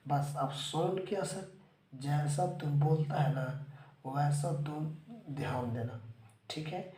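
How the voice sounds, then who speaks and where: A man teaching English spelling, slowly drilling words aloud, recorded on a phone without showing himself. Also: fairly high pitch, warm tone, a little hiss or hum. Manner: slow, repetitive, drilling words aloud to students. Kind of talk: spoken spelling lesson. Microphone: handheld phone recording, teacher not on camera. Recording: echoey room with faint ambience.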